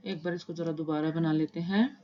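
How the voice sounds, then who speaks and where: A woman's voice: sits low, steady tone, a little fast, dull audio. A woman teaching a shorthand lesson step by step, patiently repeating each point and mixing English terms into Hindi as she explains while writing.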